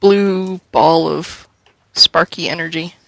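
A woman's voice: low voice, steady tone, slow, fairly bright tone. A woman talking casually as a player in a tabletop game, describing her actions.

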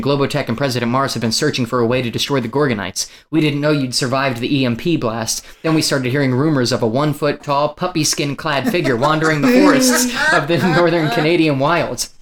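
A man's voice: medium pitch, fairly bright tone, natural voice. A man voicing an ominous hooded stranger, a solemn male messenger, in a read-aloud screenplay. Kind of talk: table-read role-play of a screenplay.

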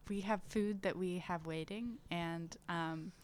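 A woman co-hosting a podcast in easygoing casual chat, quick to agree. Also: on the low side, a little hiss or hum. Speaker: podcast co-host.

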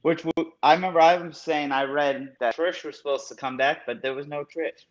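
A man's voice: fairly high pitch, fairly even intonation, fairly quick. A man from Houston co-hosting a casual wrestling chat, laid-back and chatty. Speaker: podcast co-host. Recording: dull lo-fi audio.

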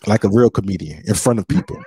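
A man hosting a casual comedy podcast, talking in a boastful, animated way with lots of emphatic trash talk. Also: lowish voice, fast talker, breathy edge.

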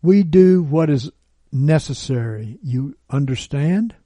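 A man reading aloud the lines of a scornful, arrogant woman who calls herself a witch, in a slow, husky voice with a dark tone. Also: on the high side, animated, no room sound. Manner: contemptuous, arrogant. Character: scornful bitter woman, a self-declared witch. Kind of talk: read-aloud testimony.

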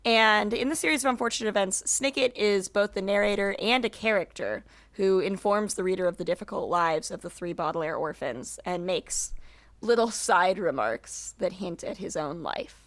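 Brief: woman co-host, casual book chat, giggly, animated, fillers galore. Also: mid-range voice, moderate pace, no room sound. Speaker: podcast co-host, first grade teacher.

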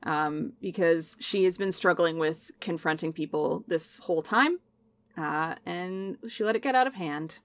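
A woman talks casually as a player in a tabletop role-playing game, with plenty of ums and uhs. Her voice sits a little low, and the sound is dry and close. She comes across as easygoing. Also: unhurried, no echo. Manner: easygoing, uses fillers.

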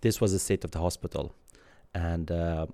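Here a deep-voiced Swede in his thirties answers interview questions as a guest, pausing thoughtfully, using fillers and restarting often. His tone is steady, mellow and creaky, captured close and dry without echo.

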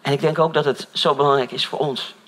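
A man preaching a sermon in a church, telling a story in an animated, conversational way and swinging between loud and hushed. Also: fairly high pitch, fast. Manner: conversational, keeps saying "you know". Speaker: pastor.

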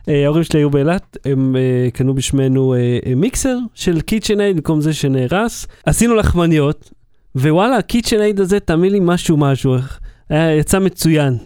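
A man with a high-pitched, smooth and resonant voice co-hosts a loose conversation, quick with jokes. The recording is dry and close. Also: mellow, no echo. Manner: joking, quick banter. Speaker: co-host. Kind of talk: casual chat.

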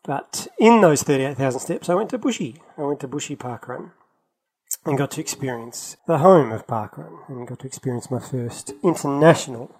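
Male podcast co-host, animated delivery, a touch husky, chatty and quick to laugh. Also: medium pitch, low-quality recording. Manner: chatty, laughs often, lively storytelling. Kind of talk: casual chat. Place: travelling, in London.

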